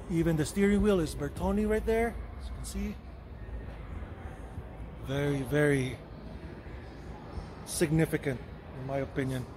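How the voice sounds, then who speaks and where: A man's voice: fairly high pitch, a little hiss or hum. A man, walking through a car museum and talking casually to camera, rambling and correcting himself as he goes. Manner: chatty, rambling, self-correcting, hedges often. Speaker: vlogger touring a car museum. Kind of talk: casual walkthrough narration. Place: indoor car museum hall.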